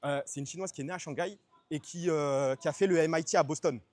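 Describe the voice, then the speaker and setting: A young man telling a story on a casual outdoor stream, quick and slangy, acting out the people he quotes. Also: fairly high pitch, a little mellow. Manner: fast slangy storytelling, acts out quoted voices. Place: outdoors on city streets. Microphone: phone stream mic with noise suppression.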